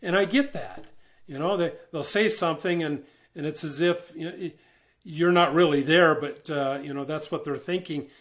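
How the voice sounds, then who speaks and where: A middle-aged man giving an informal talk on listening in marriage, relaxed, repeating words and using many fillers. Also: fairly high pitch, moderate pace. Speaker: marriage communication teacher.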